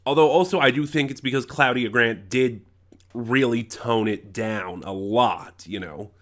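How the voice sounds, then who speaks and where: This is an off-the-cuff, opinionated review from a congested man fighting a head cold, who stops and restates things as his thoughts form. He has a medium pitch and a somewhat bright sound.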